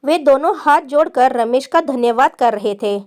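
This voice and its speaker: High-voiced woman telling an emotional story. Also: expressive, normal speed, darkish tone. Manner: emotional, voices every character herself. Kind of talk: scripted moral story narration.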